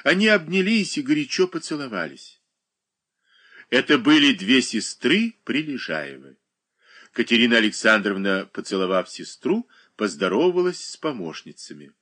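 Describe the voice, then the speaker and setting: A man's voice: lowish voice, pushed and bright. A man narrating a novel aloud, reading expressively and varying his voice for the dialogue. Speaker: audiobook reader.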